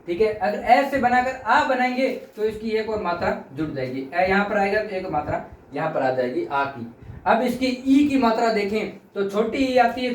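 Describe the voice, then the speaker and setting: Man, teacher, high voice, patient repeated explanations, stretched vowel demos, roomy echo, set back from the mic. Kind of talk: classroom lesson. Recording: echoey room, mic at a distance, faint noise.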